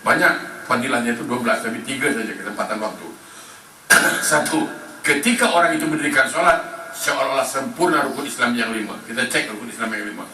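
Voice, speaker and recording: A man's voice: medium pitch, expressive, fast talker, background noise. A man preaching a humorous lecture in a mosque, asking the congregation questions and answering them himself. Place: mosque hall. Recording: roomy, distant mic with faint ambience.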